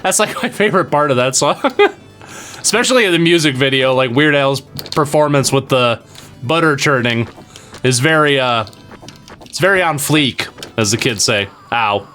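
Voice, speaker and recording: A man's voice: medium pitch, animated, normal speed, bright, forceful tone, faint music behind. A man streaming a retro game, rambling casually to his chat with fillers and the odd swear word. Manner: talks to chat while playing. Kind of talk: casual live-stream gameplay commentary.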